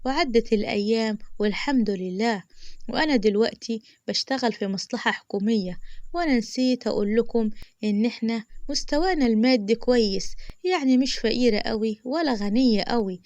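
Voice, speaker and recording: A woman's voice: fairly high pitch, brisk, a little mellow, dry recording, highs cut off. Chatty Egyptian woman telling a story. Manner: chatty, confiding, addresses listeners directly. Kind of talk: first-person story narration.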